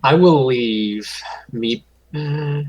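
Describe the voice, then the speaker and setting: A man's voice: medium pitch, drawn-out words, highs cut off. A man playing a tabletop game, thinking aloud and joking with the table. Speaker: player. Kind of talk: casual tabletop game chat.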